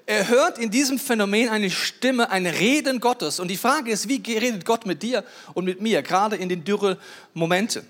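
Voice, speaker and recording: A man's voice: high voice, normal speed. A man preaching a sermon, playfully telling stories and speaking directly to his listeners. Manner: playful, animated storytelling that addresses listeners directly.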